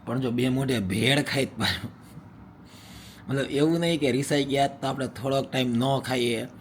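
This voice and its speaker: A man's voice: mid-range voice, normal speed, a little hiss or hum. A young man vlogging at home as a husband, chatting casually and teasingly with viewers and laughing often. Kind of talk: casual vlog chat to viewers.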